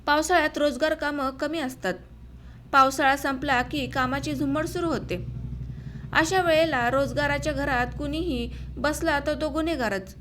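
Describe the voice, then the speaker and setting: A woman narrating an autobiographical novel as an audiobook, in a steady, measured reading that also voices the dialogue. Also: sits high, slight background noise.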